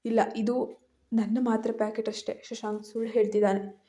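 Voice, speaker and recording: Woman playing a plotting young villainess, hushed, cold, dark-toned, monotone. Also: a little high, fairly quick, close to an everyday voice. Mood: defensive. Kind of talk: audio story character voice.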